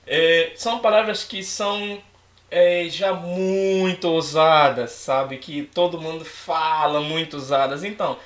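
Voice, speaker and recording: A man teaching an English lesson in a casual, animated way, switching between English and Portuguese and acting out his students' lines. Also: a little high, slow pace, roomy sound.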